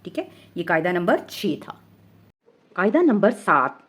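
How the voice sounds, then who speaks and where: A woman with a Pakistani Urdu accent teaching Quran recitation rules step by step, patiently explaining each rule and drawing out the recited Arabic words. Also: lowish voice.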